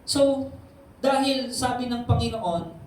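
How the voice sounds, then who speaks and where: A man's voice: very high voice, takes it slowly. A man preaching a sermon as pastor, talking conversationally and often asking the congregation questions. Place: church hall. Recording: very echoey hall, distant mic, faint noise.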